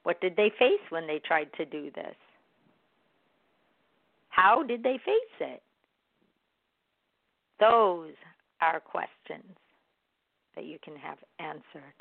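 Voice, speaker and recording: A woman giving a gentle, encouraging and reflective motivational self-help talk. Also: on the low side, very animated, takes it slowly, gravelly, long pauses, dry recording. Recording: dry, tinny phone-like sound.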